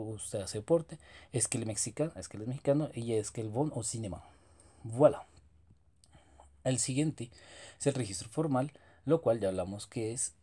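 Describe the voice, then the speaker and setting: A man teaching French grammar in Spanish, reading French example sentences slowly and carefully. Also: mid-range voice, mellow, slightly rough.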